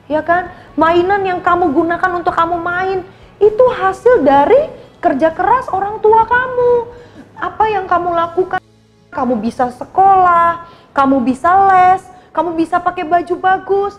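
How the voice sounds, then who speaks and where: High-voiced woman teaching children. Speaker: Sunday school teacher. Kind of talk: storytelling lesson for children.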